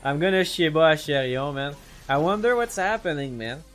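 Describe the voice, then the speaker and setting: Excitable man streaming a game. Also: a little high, moderate pace, soft background music. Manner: excitable, repeats "man" constantly. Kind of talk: live gameplay commentary.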